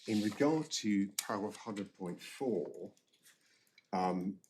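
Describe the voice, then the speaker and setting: A man arguing an appeal as a barrister, formally, halting and often repeating words. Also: lowish voice, animated, noisy background. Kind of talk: formal courtroom legal argument.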